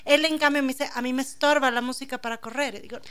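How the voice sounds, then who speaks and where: A woman's voice: high voice, steady tone, fast talker, a bit bright, clean tone. A woman hosting a podcast, chatting casually and sharing personal anecdotes. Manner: conversational, relates personal anecdotes.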